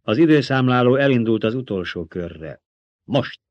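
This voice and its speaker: A man narrating an audiobook in an even, steady reading, in a dull lo-fi recording. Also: fairly low pitch, dry recording. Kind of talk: scripted narration.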